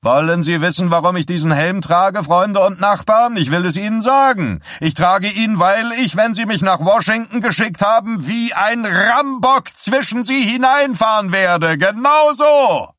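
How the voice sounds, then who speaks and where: A man voicing a roaring male populist candidate with the high, whipping singsong of a revival preacher, shouting to a crowd. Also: animated, measured pace, few pauses, no echo, clean studio sound. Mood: bellowing rally. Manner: bellowing at a crowd. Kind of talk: audiobook character voice.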